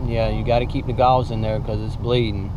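A man speaks casually, with a gentle and reassuring manner, from inside a moving car. His voice is a little dull on the recording, and heavy road noise runs behind it. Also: lowish voice, level tone, fairly quick. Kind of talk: casual chat. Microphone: camera in the car, some distance away. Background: loud engine and road noise.

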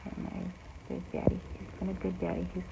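A middle-aged woman talking casually and haltingly in a home video diary, often trailing off. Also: fairly low pitch, very animated, creaky. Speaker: vlogger. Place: bedroom at home. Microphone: phone at arm's length. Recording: noisy amateur home phone recording.

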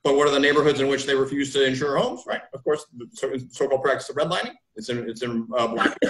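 A man's voice: medium pitch, fast, fairly bright tone. A man speaking as a historian guest on a video call from a home room, thoughtful and explanatory, often ending points with "right?". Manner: thoughtful, restarts phrases, frequent "right?" tags. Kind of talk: academic discussion on a video call. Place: home room with framed pictures. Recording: roomy video call audio.

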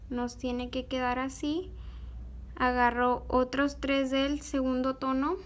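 Slow, patient high-voiced woman teaching crafts. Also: flat delivery, a little hiss or hum. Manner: slow, patient, with many fillers like "este". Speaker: beadwork tutorial host. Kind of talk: step-by-step craft tutorial.

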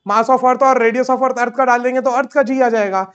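A man teaching a physics lesson in Hindi mixed with English terms. He keeps asking questions and answering them himself, and he slows right down when dictating. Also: very high voice, steady tone, fairly bright tone, clean tone, dull audio. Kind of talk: classroom physics lecture.

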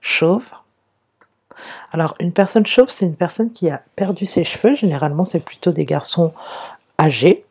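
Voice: medium pitch, lively intonation, a little mellow, slightly rough, dull audio. Enseignant à la voix éraillée et voilée. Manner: slow, careful, sounding out and spelling words. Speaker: primary school teacher. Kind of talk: remote reading lesson for young pupils.

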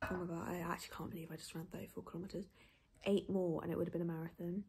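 Young woman, husky, rambling vlog chat. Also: lowish voice, level tone, rapid-fire, a little mellow. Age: young adult. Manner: chatty and rambling, full of fillers. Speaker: vlogger.

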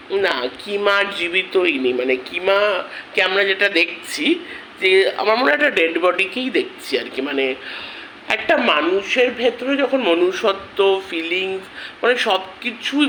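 A man with a headache, talking slowly and quietly in an angry protest vlog on his channel. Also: high voice, a little hiss or hum, rough recording. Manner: speaks slowly and quietly, rising in anger. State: has a headache. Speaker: vlogger.

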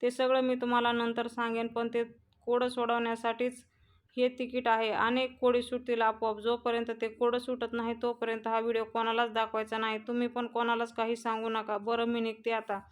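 A woman voicing a calm, clever young woman with a plan, in a flat monotone. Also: a little high, fairly quick, natural voice. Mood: firm.

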